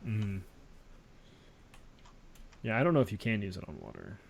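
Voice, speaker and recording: A man's voice: on the low side, wildly swooping pitch, normal speed, vocal fry, slight background noise. A man co-hosting a podcast, chatting in a laid-back way while his friend plays a video game, swearing freely. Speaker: podcast co-host. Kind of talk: casual gaming chat.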